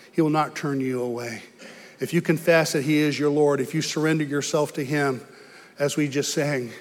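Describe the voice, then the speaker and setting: A male pastor preaching a sermon in an earnest storytelling way, his voice rising as he gets excited. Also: on the high side. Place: church sanctuary. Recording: long church reverb.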